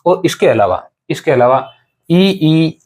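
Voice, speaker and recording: A man's voice: on the high side, lively intonation, takes it slowly, darkish tone. A man teaching an exam-prep grammar lesson, explaining step by step, repeating points and asking rhetorical questions of his students.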